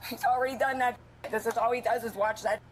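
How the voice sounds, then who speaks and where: A woman's voice: on the high side, fairly even intonation, fast. An agitated woman talking to police outside a house, profane and rambling, picked up by a police body camera. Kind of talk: agitated body cam conversation. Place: outdoors at a house. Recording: noisy body cam audio.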